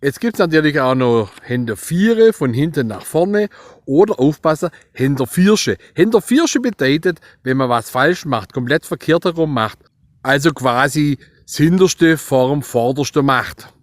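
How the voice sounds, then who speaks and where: A man with a Swabian accent presents a dialect lesson in a fairly high, very animated voice. He explains things playfully and addresses his viewers directly. The recording is close and dry. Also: a little slow, no room sound. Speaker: dialect teacher. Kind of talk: scripted language lesson to viewers.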